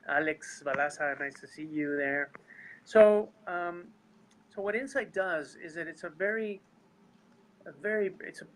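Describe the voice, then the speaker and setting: A seminar leader whose first language isn't English speaks directly to viewers on a video call during a live webinar, earnestly explaining his seminar work. His voice sits on the high side and is a bit bright, and the audio quality is poor.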